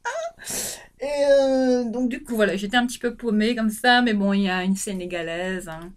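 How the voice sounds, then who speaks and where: A woman with a Réunion Creole accent chats casually to her viewers, her speech rising and falling in a sing-song lilt. She talks at a middling pitch, circling back through fillers and restarts as she gathers her thoughts. Her delivery is unhurried and conversational. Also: smooth. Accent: Réunionese Creole French. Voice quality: sing-song lilting intonation. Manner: hesitant, full of fillers and restarts. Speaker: vlogger. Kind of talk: casual chat to camera.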